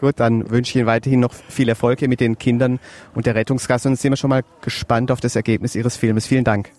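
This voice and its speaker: A man's voice: medium pitch, little pitch movement, fast talker, darkish tone, a little hiss or hum. Male radio host, friendly interviewer, mid-range voice. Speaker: radio reporter. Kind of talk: radio feature reporting.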